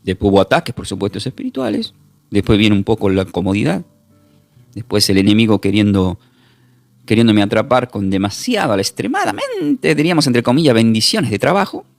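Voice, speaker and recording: A male pastor teaches a Bible class, his voice gravelly and rising and falling widely as he preaches. He stresses points by repeating words and slows down to spell out terms. The sound is close and dry, with faint music underneath. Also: fairly low pitch, sing-song, dry recording. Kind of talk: recorded Bible class sermon.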